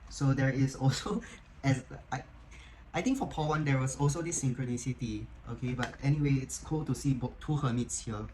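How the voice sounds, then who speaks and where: This tarot reading comes from a man whose mid-range voice moves at a moderate pace, captured on a rough recording with some hiss or hum. His manner is chatty and encouraging, and he gently fills his talk with "like" and tag questions such as "okay?"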